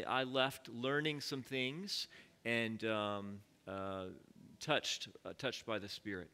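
In a church sanctuary, a man with a mid-range voice leads a Bible study. He teaches in a relaxed, conversational way, using many fillers and putting questions to the congregation.

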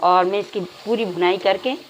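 A woman hosting a cooking channel, giving calm step-by-step recipe instructions to her viewers in a home kitchen. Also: medium pitch, moderate pace, a little hiss or hum, rough recording.

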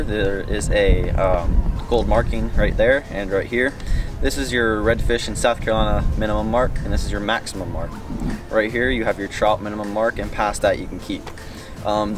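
A young man with a fairly low voice talks through a fishing rod in a relaxed, halting way, filling gaps with ums and uhs. He stands outdoors on a pier, a little away from the camera mic. Clear music plays under him. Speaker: rod maker presenting his product. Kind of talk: casual product walkthrough. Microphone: camera mic at a distance. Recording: distant voice with background music.

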